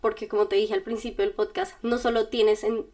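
A woman's voice: medium pitch, level tone, brisk, a little mellow. A woman podcast host giving casual step-by-step self-help directions, speaking straight to the listener in a chatty, informal way. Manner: chatty and informal, with little laughs.

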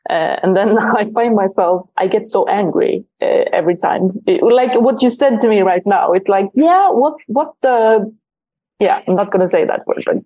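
A woman's voice: medium pitch, moderate pace, dull audio. A woman hosting a podcast, chatting casually and repeating words as she searches for what to say. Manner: animated, repeats words while searching for them. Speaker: podcast host. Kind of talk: casual interview chat.

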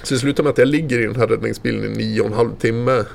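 Gravelly-voiced man telling a story. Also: medium pitch, steady tone, slight background noise. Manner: vivid, loose retelling full of fillers and mild swearing. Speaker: former ski racer guest. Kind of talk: casual storytelling.

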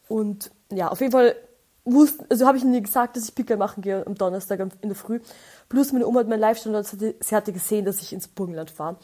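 A young woman with an Austrian accent, telling everyday stories as a podcast host in a chatty, animated way and acting out the dialogue. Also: medium pitch. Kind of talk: casual storytelling.

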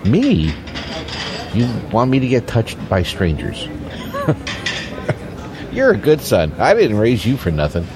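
An actor playing a playful older father who is a retired chef, joking and speaking slowly. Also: medium pitch, huge pitch swings, a crowd in the background. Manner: joking, slow drawn-out delivery.

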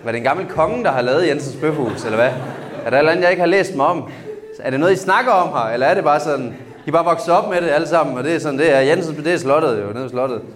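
A man's voice: a little high, animated. A man with a Danish accent doing a crude, ranting stand-up set with crowd banter on a club stage. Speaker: stand-up comedian. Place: club stage with live audience. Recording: live club crowd audible. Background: audience laughter.

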